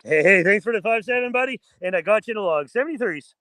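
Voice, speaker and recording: High-voiced man making casual radio calls. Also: expressive, fast talker, fairly bright tone, a little hiss or hum. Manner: informal, chatty, addresses viewers as guys. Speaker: amateur radio operator, host. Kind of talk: casual vlog talk mixed with phonetic radio calls.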